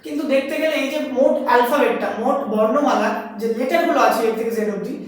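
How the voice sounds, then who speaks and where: High echoey female grammar teacher. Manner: explains slowly, repeating and asking questions. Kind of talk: classroom grammar lesson. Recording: very echoey room, voice from far off.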